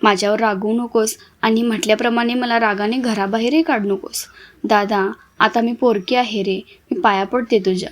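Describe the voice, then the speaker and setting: A woman's voice: on the high side, fairly even intonation, moderate pace, close to an everyday voice. A woman reading the part of an orphaned young woman who pleads with her brothers through tears. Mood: pleading. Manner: pleading, emotional.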